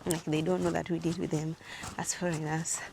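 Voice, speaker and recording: A young woman from Africa, chatting and telling stories on a casual vlog while walking outdoors, lively and quick to laugh. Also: sits low, gravelly, background noise. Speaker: vlogger.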